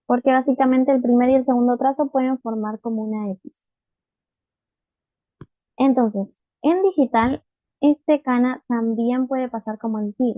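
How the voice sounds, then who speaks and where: A woman's voice: fairly high pitch, no echo. A woman teaching a writing lesson, patient and explaining step by step, often checking in with her students. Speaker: Japanese teacher. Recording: dry, phone-like narrow sound.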